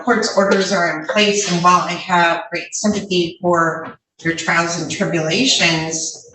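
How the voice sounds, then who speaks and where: A judge passing sentence in a courtroom, speaking in a firm, measured, formal manner. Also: mid-range voice, noisy background. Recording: roomy courtroom audio from far off.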